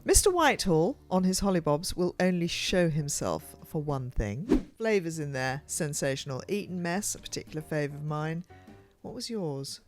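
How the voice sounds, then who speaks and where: A woman's voice: low-pitched, expressive, moderate pace, a little mellow, soft background music. A woman co-hosting a podcast, chatting in a playful, teasing way. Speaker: podcast co-host. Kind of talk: casual chat.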